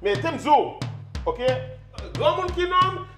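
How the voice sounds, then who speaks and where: Man acting very high-pitched shopkeeper. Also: sing-song, takes it slowly, exaggerated voice. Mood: agitated. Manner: stammering, repetitive. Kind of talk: sketch comedy acting. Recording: roomy indoor sound, faint music.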